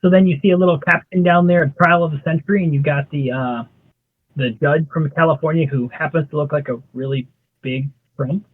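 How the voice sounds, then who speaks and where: A man's voice: a little high, steady tone, brisk, breathy edge, phone-quality sound. A man, an artist, casually talks through the panels of his own comic strip in a storytelling way, often repeating words as he goes. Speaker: artist presenting his drawings.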